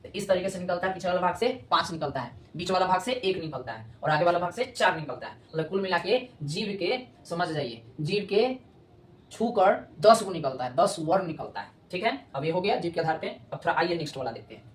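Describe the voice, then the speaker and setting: A woman's voice: lowish voice, lively intonation, fast, few pauses. A woman teaching grammar, repeating points and checking often whether students follow. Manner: repetitive, checks understanding often. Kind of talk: explanatory classroom lesson. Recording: echoey room with faint noise.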